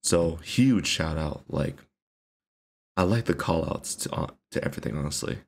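A man's voice: rumbling low, lively intonation, normal speed, breathy edge. A man giving casual reaction commentary, rambling with many fillers and casual swearing. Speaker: reaction video host.

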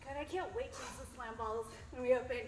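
Distant high-voiced young woman in a gym. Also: fairly even intonation, fast. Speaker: workout partner. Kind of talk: casual chat during exercise. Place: large indoor gym. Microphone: camera across the room. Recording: distant, echoey, noisy gym recording.

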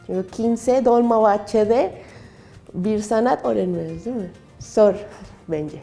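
Slow-speaking foreign woman in broken Turkish. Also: medium pitch, gravelly, warm tone, faint music behind. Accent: foreign accent in Turkish. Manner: broken learner's Turkish with simple grammar; halting, searching for words. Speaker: artist and craft student. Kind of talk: personal interview account.

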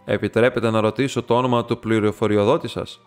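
A man's voice: lowish voice, steady tone, clear, resonant tone, soft background music, lightly acted. Male reader doing a cranky old academic, curt and hostile, audiobook. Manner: harsh, hostile. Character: irascible old male professor.

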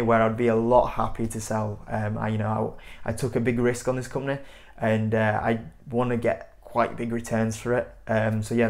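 Speaking in a mid-range voice, a young investing-channel host in his twenties chats about stocks straight to camera in front of an indoor whiteboard. His delivery is loose and wandering, peppered with "you know," and he moves his hands as he talks.

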